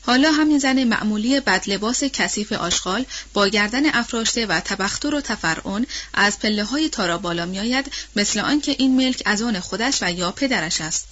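Audiobook narrator: woman, mid-pitched, measured and expressive literary reading, muffled lo-fi sound.

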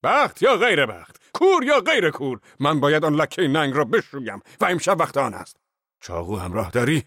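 A man voicing a huge, hot-tempered male villager who shouts threats and hisses with rage in an audiobook. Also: a little high, very animated, no room sound, clean studio sound, voice pushed up. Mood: raging. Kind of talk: audiobook character voice.

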